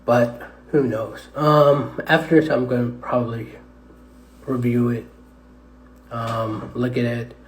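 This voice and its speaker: This man, mid-range in pitch with little variation, chats hesitantly on a live stream, full of fillers and rambling. Recorded through a tablet microphone, his voice bounces around a tunnel amid a faint hiss or hum.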